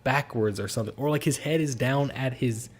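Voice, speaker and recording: A man's voice: mid-range voice, brisk, husky. A young man in casual, profane movie chat, joking and riffing with mock quotes. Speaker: movie review co-host.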